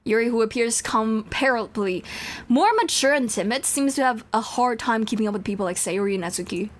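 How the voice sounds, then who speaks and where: A woman's voice: a little high, lively intonation, a little fast. A woman live streaming a game, chatting casually and reading aloud in a playful, rambling way. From Taiwan.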